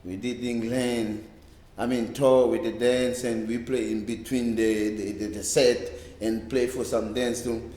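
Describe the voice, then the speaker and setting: A reggae bass player in his fifties from a Cape Town township, South Africa, speaks warmly at medium pitch with little pitch movement. His recollection rambles, with halts and repeated words. The casual oral-history interview takes place in a library room with echoey sound.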